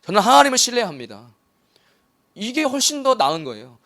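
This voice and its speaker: A man's voice: very high voice, very animated, fairly quick, fairly bright tone. A man preaching a sermon as pastor, acting out imagined dialogue as he goes.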